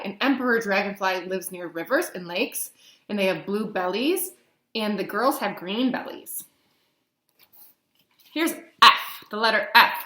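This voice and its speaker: A bright, forceful mid-range voice belongs to a teacher in her thirties reading aloud to young children. She asks them frequent simple questions, explains things plainly, and stresses key words and letter names throughout the read-along lesson. Recorded indoors on a webcam, the sound is roomy and echoey from the small plain-walled room.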